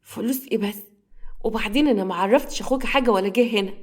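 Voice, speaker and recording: A woman's voice: mid-range voice, very fast, lightly acted. A woman voicing a reproachful older mother in Egyptian Arabic.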